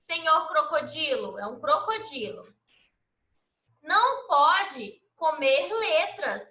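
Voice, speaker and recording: A woman teacher from Brazil giving a recorded lesson to young children, patient and sing-song, spelling out letters and syllables slowly. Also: sits high, bright, forceful tone, roomy sound. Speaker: primary school teacher.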